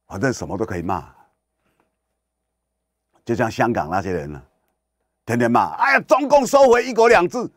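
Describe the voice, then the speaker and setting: A male radio commentator, lecturing his audience emphatically and pressing them with rhetorical questions. His pitch leaps up and down with great animation. The sound is dry and close, as from a studio microphone. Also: no echo.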